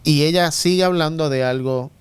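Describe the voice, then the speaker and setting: Clear-voiced man leading a Bible study. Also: on the high side, normal speed, no echo. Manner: conversational, asks group to look up verses. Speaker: Sabbath School discussion leader. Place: church room.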